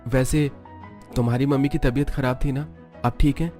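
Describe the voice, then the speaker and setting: A man's voice: mid-range voice, steady tone, moderate pace, mellow, soft background music, pitched above the performer's own voice, close to an everyday voice. A man voicing an earnest young man who reassures and pleads, in a cartoon story. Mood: pleading. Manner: eager and pleading, raised voice.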